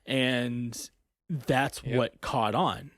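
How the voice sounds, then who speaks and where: A man co-hosting a podcast, chatting loosely and circling back over his own points. His voice sits at an ordinary middle pitch. The sound is close and completely dry, with no room around it. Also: steady tone, extremely slow, a bit bright, no room sound. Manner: rambling, trails off and restarts. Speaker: podcast co-host. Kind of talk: casual chat.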